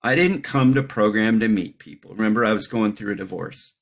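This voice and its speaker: A man's voice: fairly low pitch, fairly quick. A middle-aged man giving a candid, reflective personal share at a recovery meeting, with wry self-deprecating humor.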